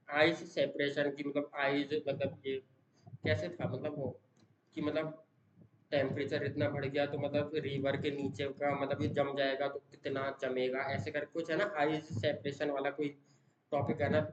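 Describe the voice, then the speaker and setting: A young man, a student, chatting casually in a daily study vlog, rambling with many fillers and tag questions and saying he talks fast. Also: a little high, flat delivery. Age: young adult. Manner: says he talks fast, in one breath. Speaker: exam student vlogger. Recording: echoey room, dull sound, noisy background.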